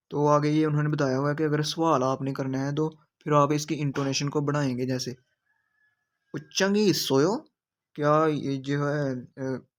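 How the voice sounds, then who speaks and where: A man's voice: on the high side, slight background noise. A man teaching grammar in a video lesson, patiently repeating each example sentence. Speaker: language teacher.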